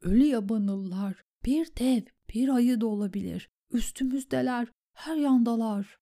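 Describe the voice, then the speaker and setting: Woman doing a scared young guy, hushed and tense, kinda breathy and mellow. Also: a little high, normal speed, voice pushed up, close to an everyday voice. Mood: anxious. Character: frightened young man writing battle messages.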